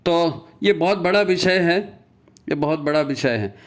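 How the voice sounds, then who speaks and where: A man's voice: fairly high pitch, expressive, a little slow. A man giving a spiritual talk on meditation, often repeating himself and asking rhetorical questions. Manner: rhetorical questions and repetition, tagging "है ना?"; recites scripture and mantra lines. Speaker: spiritual speaker.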